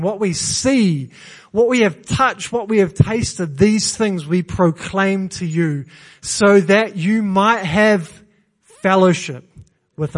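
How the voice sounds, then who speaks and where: A high-pitched man with a New Zealand accent preaches a sermon in church. He speaks with earnest emphasis, repeats phrases, and uses self-deprecating humor.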